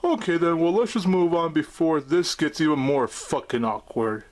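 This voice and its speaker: A man's voice: on the high side, normal speed, darkish tone, close to an everyday voice. A young man voicing a foul-mouthed, cheerful little toy Santa in an amateur comedy skit. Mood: matter-of-fact. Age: young adult. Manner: crude, swearing. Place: small bedroom indoors.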